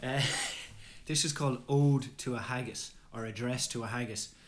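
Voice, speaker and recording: Man, podcast co-host, sweary, rambling, mid-pitched voice. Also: fairly even intonation, roomy sound, slight background noise. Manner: sweary, rambling, quick bursts. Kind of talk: casual chat.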